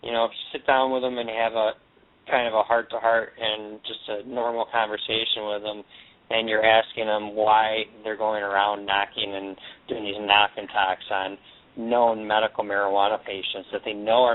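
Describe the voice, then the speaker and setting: Man talking over a tinny phone line. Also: lowish voice. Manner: earnest, rambling with restarts. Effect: voice heard over the phone. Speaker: radio show guest. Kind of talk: casual radio talk.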